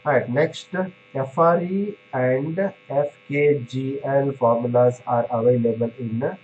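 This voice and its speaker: A male pharmacy lecturer talks students through the material slowly, pausing on fillers and restarting his sentences. He keeps checking in with a quick "right?" as he explains. The recording is dull and lo-fi, with a faint electrical hum underneath. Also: mid-range voice, steady tone. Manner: halting, many fillers and restarts. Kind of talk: classroom lecture.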